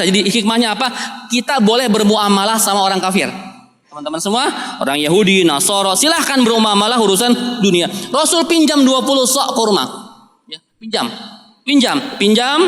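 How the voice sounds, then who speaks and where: A man's voice: very high-pitched, a bit bright. A man preaching in a mosque, telling his story casually with slang and jokes. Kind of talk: sermon. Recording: echoey mosque hall with long reverb.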